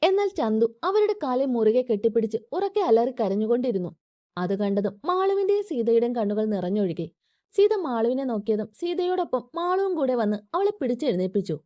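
A woman narrating a story in an expressive storytelling manner. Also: fairly high pitch, brisk, no echo. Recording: dry, slightly dull audio.

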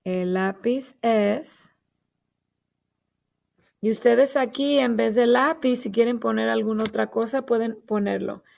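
A woman's voice: fairly high pitch, gravelly, darkish tone. A woman teacher walking young children through writing a short sentence, patiently spelling out letters and pointing to each word. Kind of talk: slow early-grade writing lesson for children.

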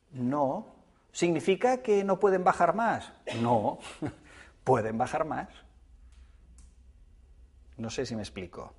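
Teacher firing rhetorical questions. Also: male voice, on the high side. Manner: lively, rhetorical questions to students, acts out dialogues. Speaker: economics teacher. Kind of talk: classroom lecture.

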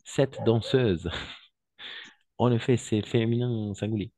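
Patient male French teacher, slow and deliberate, lowish voice, dry close sound. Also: dark tone, no room sound. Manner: patient, repeats words slowly, frequent praise. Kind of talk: online class instruction.

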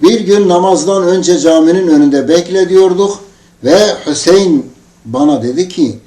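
A man's voice: sits high, measured pace, warm tone. A man preaching to his congregation, telling a story with emphatic, rising outbursts. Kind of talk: impassioned storytelling sermon. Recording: echoey room, distant mic.

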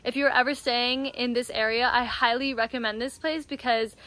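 A woman's voice: on the high side, fairly even intonation, normal speed, fairly bright tone. A young woman in her twenties cheerfully narrating a travel vlog, talking straight to a phone held at arm's length as she tours a tropical lodge. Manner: bubbly and enthusiastic, talking to camera. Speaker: travel vlogger. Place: outdoors in a tropical resort and inside a wooden hut.

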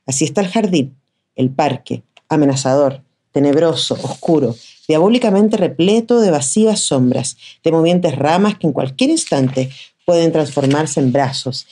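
A woman reading a literary short story aloud in a measured, expressive way. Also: deep voice. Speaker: reader of short stories.

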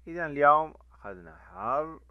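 A man teaching a letter lesson to children, drawing out each sound slowly and repeating it. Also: fairly high pitch, gravelly, smooth, dry recording. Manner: lively, repeats sounds slowly for young learners. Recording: dull lo-fi dry recording.

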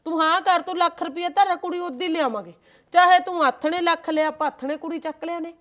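A woman playing a scheming, sharp-tongued village sister-in-law, bossy and wheedling in a comedy skit. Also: very high voice. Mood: coaxing. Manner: bossy, wheedling, quick to scold.

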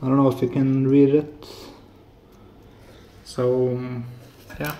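Slow and medium-pitched, with little movement in his pitch, a man in his thirties from Norway demonstrates a home electronics hobby build. He has a Norwegian accent and is a hobbyist maker, soft-spoken and hesitant, using many filler sounds in this casual tech demo, which was recorded in an echoey indoor apartment living room and kitchen.

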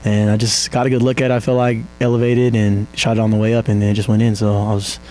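Young male athlete, postgame interview, low flat delivery, halting and soft-spoken. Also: slight background noise. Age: young adult. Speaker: college basketball player. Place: press backdrop indoors. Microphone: handheld mic held by interviewer.

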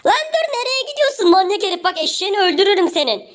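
A woman playing a rude, suspicious gatekeeper with a very high, shrill voice. Blunt and quick to threaten strangers. A Minecraft parody character. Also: big pitch swings. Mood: hostile.

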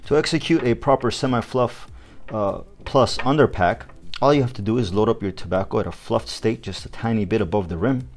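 A man giving a product review and how-to on hookah tobacco, explaining in a measured way with frequent fillers and restarts. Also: fairly low pitch, faint music behind.

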